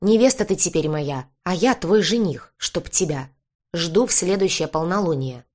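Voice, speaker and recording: Figure: gruff, scolding young man from another world. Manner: impatient, curses under his breath. Performer: a woman doing the voice in an audiobook. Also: lowish voice, lively intonation, moderate pace, darkish tone. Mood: angry.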